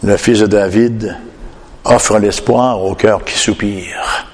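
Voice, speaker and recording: A man's voice: lowish voice, fairly even intonation, slow pace, a little mellow, slightly rough, long reverb tail. A man preaching a sermon emphatically, often tagging his points with a questioning "hein?". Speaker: pastor.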